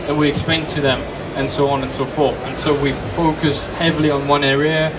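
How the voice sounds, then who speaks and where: Picked up by a far-off camera mic over heavy room noise, a Frenchman in his thirties, a game designer, chats upbeat with an audience in a small dark convention room. His voice sits on the high side, his delivery is flat and a little fast, and he tends to repeat words.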